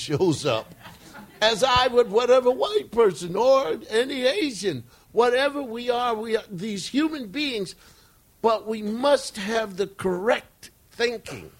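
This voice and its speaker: An older man talking in a slow, rambling, storytelling way, often chuckling between thoughts as an interview guest. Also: sits high. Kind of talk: casual storytelling conversation.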